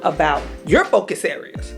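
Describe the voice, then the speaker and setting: A woman's voice: low voice, big pitch swings, normal speed, vocal fry, a bit bright, soft background music. A woman coach hosting a casual talk, urging listeners on in an upbeat, exhorting way. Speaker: coach and podcast host. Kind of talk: casual encouraging chat.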